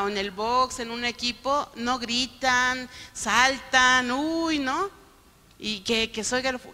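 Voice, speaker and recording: Bright-voiced woman pastor preaching. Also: fairly high pitch. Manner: keeps asking the congregation "¿no?". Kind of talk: sermon. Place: church sanctuary. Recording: long reverb of a church hall.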